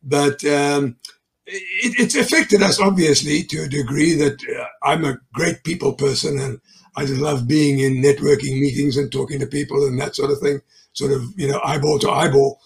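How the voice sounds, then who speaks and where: An older South African man with a fairly high, creaky voice speaks at a moderate pace as a guest in a casual interview. He owns a mortgage business and tells its story chattily and ramblingly, full of chuckles and fillers.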